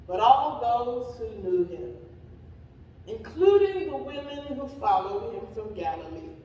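A woman pastor giving a slow, deliberate, dramatic reading of scripture during a sermon. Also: a little high, sing-song, muffled recording, slight background noise. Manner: slow, deliberate reading with shouted cries for emphasis. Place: church sanctuary. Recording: echoey church hall from far off.

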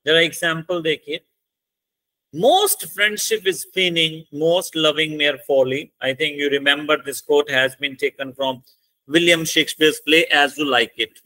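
A male teacher giving a lecture on poetic metre. He explains step by step, asks questions and answers them himself, and reads lines of verse slowly. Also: on the high side, pushed and bright, dry recording, rough recording. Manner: mixes English terms into his talk, reads verse lines slowly. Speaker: English literature teacher. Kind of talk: classroom lecture.

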